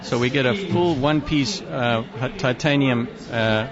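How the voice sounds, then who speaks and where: A man's voice: medium pitch, a little slow, a crowd in the background. A man with a South African accent, a prosthodontist guest on a radio interview, explaining things carefully. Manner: explanatory, precise. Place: outdoor expo booth. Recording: dull lo-fi sound, faint street noise.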